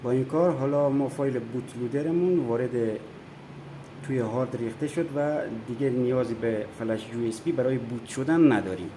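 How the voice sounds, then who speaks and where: A man calmly walking viewers through a computer installation, step by step, in a screen-recorded tutorial. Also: medium pitch, slight background noise. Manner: calm step-by-step instructions. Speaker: tutorial presenter.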